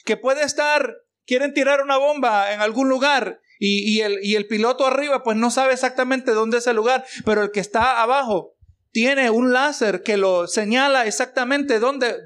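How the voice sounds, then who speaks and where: A man's voice: extremely high pitch, fairly bright tone. A man preaching a sermon as pastor, mixing rhetorical questions and exclamations of praise for the congregation.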